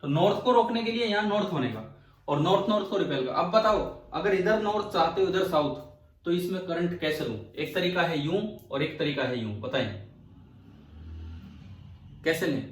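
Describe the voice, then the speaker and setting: A man's voice: sits high, expressive, moderate pace. A male physics teacher lecturing a class, explaining step by step and firing questions at his students. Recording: echoey room, from far off.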